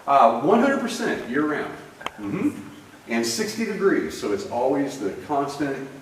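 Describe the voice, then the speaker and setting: Cave-echoed male tour guide, lively pitch. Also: measured pace. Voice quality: voice echoing in a cave. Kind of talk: informal guided tour commentary. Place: inside a limestone cave. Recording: echoing cave, distant mic, faint noise.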